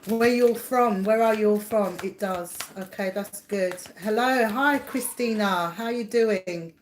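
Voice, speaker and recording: A woman's voice: medium pitch, a little slow, slight background noise. A chatty middle-aged woman hosts a casual live chat from her home, talking to viewers. She rambles, laughs often and greets people by name. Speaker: livestream host and psychic reader. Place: home, indoors.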